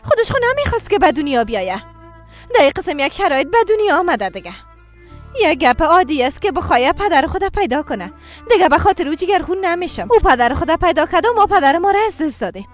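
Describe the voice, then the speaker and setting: Casting: a woman as a young daughter, Tajik accent, very high, bouncy pitch, dubbed drama. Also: very animated, faint music behind. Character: young woman, upset but forgiving, talks fast.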